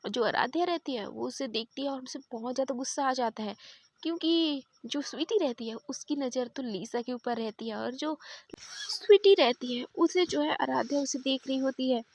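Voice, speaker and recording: A woman with a high voice retelling a story in a chatty, casual manner, leaning on repeated fillers. The recording is dry and close, with no room sound. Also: normal speed, a little mellow, dry recording.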